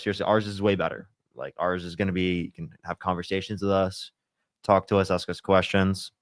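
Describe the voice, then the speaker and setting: Answering his chat on a relaxed livestream, a young male host fills his speech with "like" and "you know" and sounds slightly congested with a sore throat. His voice is on the low side, and the recording is dry.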